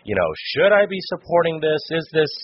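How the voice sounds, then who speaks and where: Husky male chef, hesitant. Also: on the high side, big pitch swings, fairly quick, no echo, dull audio. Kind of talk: interview answers.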